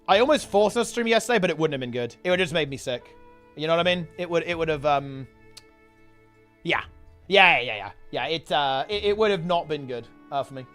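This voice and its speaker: A man's voice: fairly high pitch, animated, a little fast, a bit bright, soft background music. A man streaming casually to his chat, rambling in gamer slang and repeating himself while getting over a sickness. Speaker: game streamer and video host.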